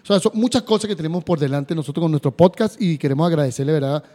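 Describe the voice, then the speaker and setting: Sports podcast cohost guy, kinda high voice but mellow, chatty, echoey room. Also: expressive, quick pace. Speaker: podcast co-host. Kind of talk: casual chat. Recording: reverberant room.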